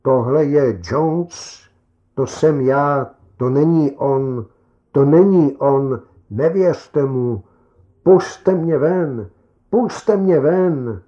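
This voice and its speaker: A man's voice: mid-range voice, big pitch swings, creaky, mellow, pitched above the performer's own voice. A man voicing the desperate, trapped voice of a dead crewman crying from inside another man, on a dull lo-fi recording. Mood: pleading. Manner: desperate, slow pleading cries.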